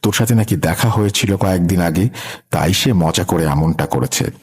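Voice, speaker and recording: A man doing a slow, teasing old ghost woman. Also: low voice, a little mellow, husky.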